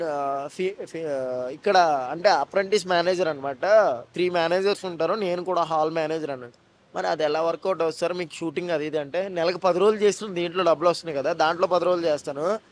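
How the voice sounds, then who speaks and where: A man talks at a rapid clip in a fairly high voice. He tells his stories in a casual interview with animated, joking asides. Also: a little hiss or hum. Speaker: actor and mimicry artist.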